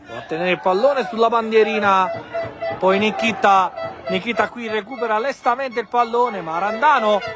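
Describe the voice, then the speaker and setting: A man giving live, excitable football play-by-play, bursting into shouts on chances and goals. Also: high voice, moderate pace. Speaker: football match commentator. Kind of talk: live play-by-play goal commentary. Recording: crowd and music behind commentary.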